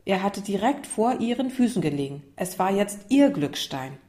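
A woman narrating a children's story in a calm, expressive manner. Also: mid-range voice, moderate pace.

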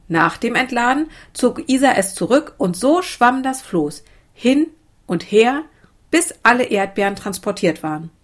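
A woman reading a children's storybook aloud in a calm, even way. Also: fairly high pitch. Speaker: narrator.

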